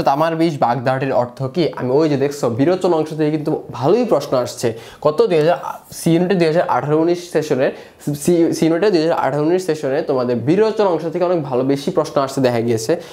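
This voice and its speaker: A man's voice: a little high, mellow. Young man tutoring, asking himself questions. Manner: repeats answers, asks rhetorical questions, calls students brother. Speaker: exam prep tutor. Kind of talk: online class lesson.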